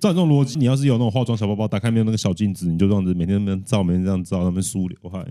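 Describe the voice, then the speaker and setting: A man's voice: lowish voice, steady tone, very fast, warm tone. A man hosting a casual podcast chat, teasing his guests with joking questions.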